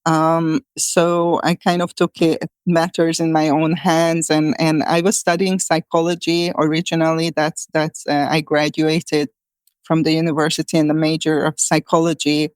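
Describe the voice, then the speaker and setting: A shamanic healer appearing as a guest gives conversational interview answers about her path, speaking with a Hungarian accent. Her low, smooth, clear voice keeps a level, even melody that rarely rises or falls, and she is thoughtful, pausing on many fillers and restarting sentences. The recording is dry and close.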